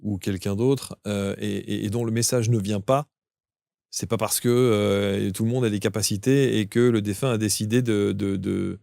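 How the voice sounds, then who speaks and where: A man's voice: fairly low pitch, fairly even intonation, moderate pace, vocal fry, a little mellow, no room sound, clean studio sound. A man interviewing a guest, asking questions with many hesitations.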